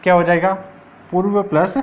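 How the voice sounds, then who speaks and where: A man's voice: sits high, level tone, moderate pace, lo-fi sound. A man teaching a grammar lesson for exam prep, asking and answering his own questions.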